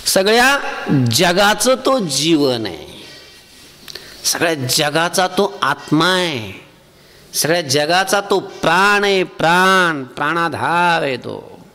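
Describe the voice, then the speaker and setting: A man preaches a devotional sermon in a high, ringing voice. He keeps putting questions to his listeners and answering them himself, and he slows down to chant verses. The sound trails off in a long hall reverb. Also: lively intonation, sharp tone. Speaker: Varkari preacher.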